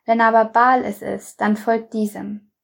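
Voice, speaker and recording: A woman's voice: a little high, level tone, a little slow, vocal fry. Woman reading as a solemn male prophet. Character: stern male prophet addressing the people.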